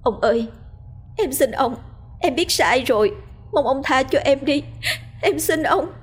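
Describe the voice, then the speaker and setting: A woman voicing a terrified young wife, high and pleading. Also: expressive, a little slow. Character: terrified young wife begging her cruel husband.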